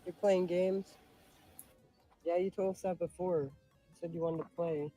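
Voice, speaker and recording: A man's voice: high voice, steady tone, moderate pace, warm tone, soft background music. A man working as a paranormal investigator, casually asking questions of spirits.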